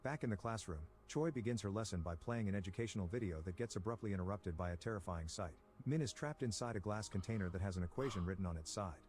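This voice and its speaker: A man reading a scripted plot recap in a brisk, even storytelling manner. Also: on the low side, a little hiss or hum. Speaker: recap narrator.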